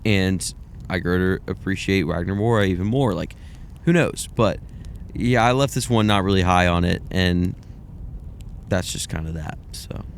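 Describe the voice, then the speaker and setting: On a relaxed film review podcast, a young male co-host with a low-sitting voice speaks at normal speed against slight background noise. His commentary meanders and hedges, and he pokes fun at himself.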